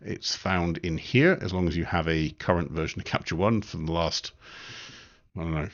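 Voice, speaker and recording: Man, very low voice, live-stream editing tutorial, relaxed, lots of ums, slightly muffled audio. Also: normal speed. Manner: relaxed, thinking aloud with frequent ums. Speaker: photo editing instructor.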